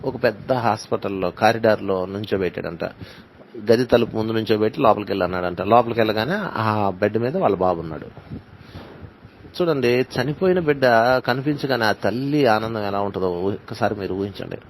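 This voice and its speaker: A man's voice: fairly low pitch, animated, brisk, slight background noise, rough recording. A man teaching in a spiritual talk, telling stories and acting out the dialogue, with English phrases mixed into his speech. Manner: storytelling, acts out dialogue, mixes in English phrases.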